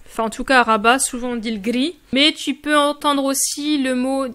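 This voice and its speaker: A woman teaching vocabulary, saying each word three times with clear articulation. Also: sits high, level tone, normal speed, fairly bright tone. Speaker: language teacher. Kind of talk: vocabulary lesson.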